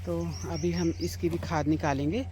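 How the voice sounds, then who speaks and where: A woman's voice: lowish voice, little pitch movement, normal speed, dark tone, slight background noise. A woman gardening vlogger outdoors in her home garden in hot sun, chatting casually and explaining each step to her viewers. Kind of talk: casual how-to vlog.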